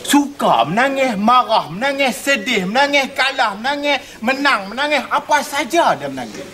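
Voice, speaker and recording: A man's voice: extremely high pitch, sing-song, moderate pace, sharp tone, full character voice. A man acting a wry, wisecracking neighbour in a 1980s TV sitcom.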